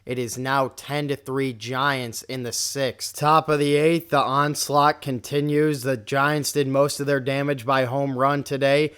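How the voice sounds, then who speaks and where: Young man, recap narrator, smooth clear voice, mid pitch, play-by-play with dry jokes. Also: flat delivery, measured pace, few pauses, fairly bright tone. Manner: play-by-play delivery with wry asides. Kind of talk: scripted game recap narration.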